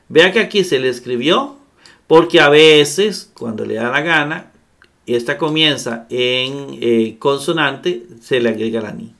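Male grammar teacher, upper-middle pitch, patient and methodical, frequent check-in questions. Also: pushed and bright. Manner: patient step-by-step explaining, often checking with "¿verdad?". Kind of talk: recorded grammar lesson.

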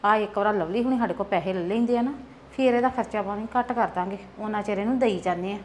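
A woman's voice: mid-range voice, quick pace, slight background noise, lightly acted. A woman playing a worried middle-aged village mother who lectures her son. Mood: fussing. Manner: chiding, lecturing. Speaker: actor. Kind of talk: family drama skit.

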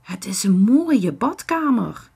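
A woman voicing a bold, quick-tempered young girl in a children's storybook reading. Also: medium pitch, sing-song, gravelly, slightly rough, exaggerated voice. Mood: hushed. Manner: loud and snappish, then hushed.

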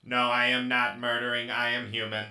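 A man playing a menacing male robot who poses as a human teen, speaking in a booming metallic robot voice with a flat, mechanical delivery. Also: a little fast. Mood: monotone menace. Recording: echoey with music behind.

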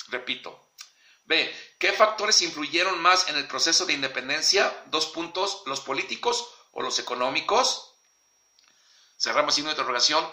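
A man with a Mexican Spanish accent dictates a history lesson, spelling out every comma and question mark and repeating each question. His voice sits a little high and sounds very bright and sharp. It echoes around a hard room. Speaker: teacher.

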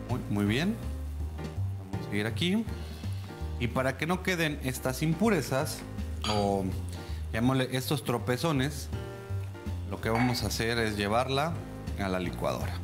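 Chef explaining a recipe step by step. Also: male voice, medium pitch, lively intonation, a little slow, long pauses, music in the background. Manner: explanatory, addresses viewers directly with frequent "¿vale?". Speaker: TV cooking show chef. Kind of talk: cooking demonstration. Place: TV studio kitchen set.

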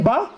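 A man's voice: on the high side, darkish tone. A man working as a children's magician and entertainer, talking with playful, teasing patter and exaggerated exclamations. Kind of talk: lively show patter with children. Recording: outdoor event with crowd of children. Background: crowd of children.

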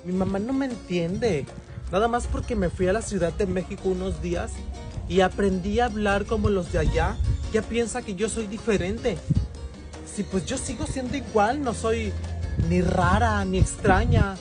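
A man playing Dayanna, a young village woman who came back from the capital with an affected Mexico City slang, speaking in a slow, dismissive drawl. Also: sits high, music in the background, close to an everyday voice. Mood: sulky. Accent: put-on Mexico City slang. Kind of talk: comedy sketch acting.

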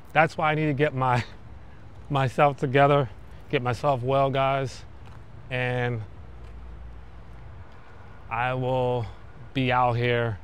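A young man vlogging as he explores a dark abandoned building, making slow, awed remarks into a handheld camera. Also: mid-range voice, smooth. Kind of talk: casual exploring vlog. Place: dark abandoned hotel indoors, then street at night.

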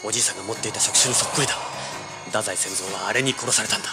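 A male actor voices a cocky, tough young treasure hunter in a hard-boiled audio drama, narrating and delivering lines in a rough, sardonic way. His natural, fairly low voice races along very fast with a defiant mood, set against dramatic music.

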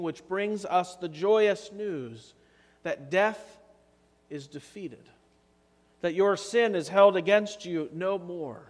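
The sanctuary's long reverb trails each phrase as a pastor in his thirties preaches at the altar. He sounds earnest and takes his time, leaning on pauses for emphasis, in a voice a little high for a man.

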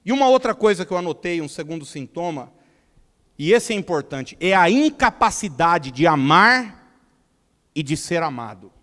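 Man, pastor, São Paulo state accent, high voice, humorous lively sermon, long church hall reverb. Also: moderate pace. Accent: Brazilian Portuguese, São Paulo state. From Brazil. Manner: lively, humorous preaching, acting out quoted people, calls the congregation to repeat.

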